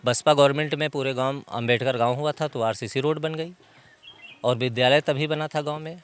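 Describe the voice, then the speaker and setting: A man's voice: medium pitch, steady tone, brisk, smooth. A man from the village answering a reporter outdoors, laying out facts and figures in detail. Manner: informed, explains in detail. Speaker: villager interviewee. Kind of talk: outdoor interview.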